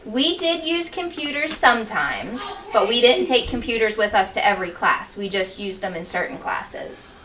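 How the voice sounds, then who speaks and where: A woman's voice: a little high, expressive, moderate pace, hardly any pauses. A woman giving encouraging, simply worded interview answers to children, often echoing the question before she replies. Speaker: school staff member being interviewed. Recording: distant mic with faint background noise.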